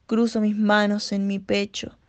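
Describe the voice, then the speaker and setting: A young woman with an Argentine accent performing a dramatic monologue in a slow, theatrical storytelling manner. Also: mid-range voice. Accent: Argentine Spanish. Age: young adult. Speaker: acting student.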